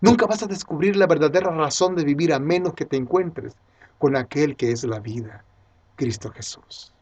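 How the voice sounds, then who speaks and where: A man's voice: fairly high pitch, moderate pace, a little mellow, husky, dull audio. A pastor preaching a sermon, earnestly calling his listeners dear friends. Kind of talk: radio sermon.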